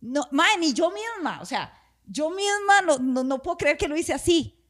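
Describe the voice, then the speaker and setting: A woman in her thirties with a Costa Rican accent, telling a story in casual chat, animated and swearing freely. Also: high-pitched, normal speed. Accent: Costa Rican Spanish.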